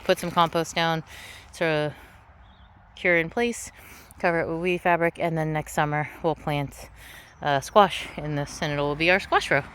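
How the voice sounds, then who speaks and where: A woman giving a casual, rambling garden tour in an offhand, self-deprecating way, recorded outdoors with a tractor rumbling behind her. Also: a bit bright. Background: tractor rumbling, vehicle noise.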